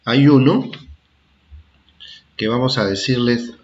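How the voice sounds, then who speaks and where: A man with a mid-range voice teaches a primary school lesson to children, speaking slowly, repeating his points, and checking understanding with "¿ah?" and "¿de acuerdo?". The classroom recording sounds dull, with a little hiss or hum.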